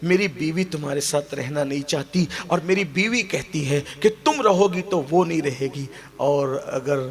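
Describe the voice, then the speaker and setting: A man voicing a grown son who apologetically tells his mother to stay behind, low and hushed. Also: natural voice.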